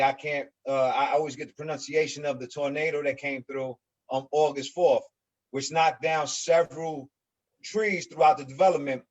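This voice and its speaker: A man in his forties from New York, a resident association leader speaking on a virtual panel, earnest and halting, often repeating words as he builds his points. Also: fairly high pitch, highs cut off. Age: 40s. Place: home, on a video call. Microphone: video call mic.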